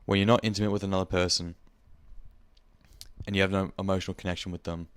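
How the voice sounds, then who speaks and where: A young Australian podcast host rambles through a casual monologue, speaking frankly and swearing freely. His deep voice is smooth and level, moving at a quick pace with no echo.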